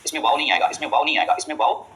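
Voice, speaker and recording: Fast-talking male teacher drilling spelling rules. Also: a bit bright, poor audio. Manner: quick, drilling explanations with frequent reminders. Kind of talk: exam-prep spelling lesson.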